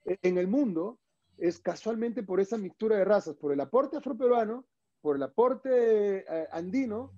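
Peruvian male guest, higher-pitched and dark-toned, acts out quotes in a casual chat. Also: normal speed, muffled recording. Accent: Peruvian Spanish. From Peru. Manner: animated storyteller, acts out quoted dialogue.

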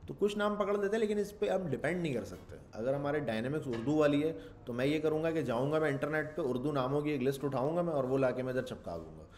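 A man's voice: fairly high pitch, lively intonation, quick pace, hardly any pauses, a little mellow. A man teaching a casual coding lecture, thinking aloud and slipping English terms into his talk. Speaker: programming instructor.

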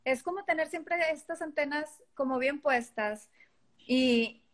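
A woman's voice: high-pitched, unhurried. A middle-aged woman with a Mexican accent, a guest in a casual interview, talking animatedly and acting out quoted dialogue. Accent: Mexican Spanish.

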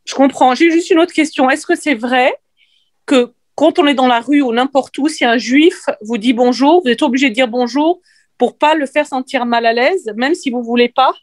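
Hesitant high-voiced woman asking questions. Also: dry recording, studio quality. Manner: hesitant, halting, restarts phrases. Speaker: questioner in the audience.

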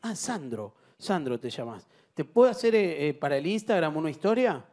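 A man's voice: fairly high pitch, very animated, moderate pace, a little mellow. A man with an Argentine accent hosting a TV game show, teasing and questioning contestants. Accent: Argentine Spanish.

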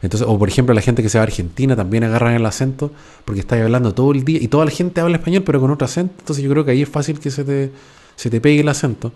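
A man's voice: mid-range voice, racing, dark tone. Chilean man, 40s, podcast host at home, slangy, swears a lot, keeps asking the listener if they follow. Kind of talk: casual chat. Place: at home, indoors. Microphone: podcast microphone.

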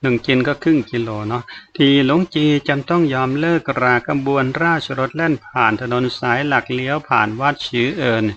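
A man reading a fantasy novel aloud as an audiobook narrator, in an even, unhurried storytelling manner. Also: medium pitch, lo-fi sound, a little hiss or hum.

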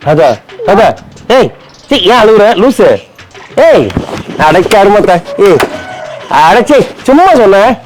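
A man doing a comic couple sketch, teasing and mock-accusing his partner with quick retorts. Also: high voice, expressive.

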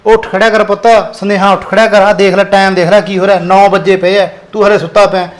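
A man's voice: sits high, level tone, quick pace, close to an everyday voice. A man playing a farmer father who nags his lazy son to get up and work in a family drama. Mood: scolding. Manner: scolding, chiding. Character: farmer father, nagging, easygoing.

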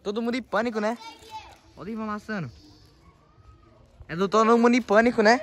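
A young man from Brazil speaks in a São Paulo accent, vlogging casually on a handheld phone outside. His talk is slangy and excitable, addressed to viewers and the people around him. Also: high voice, a little fast. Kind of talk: casual vlog chat. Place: outdoors in a residential yard. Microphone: handheld phone, held by the speaker.

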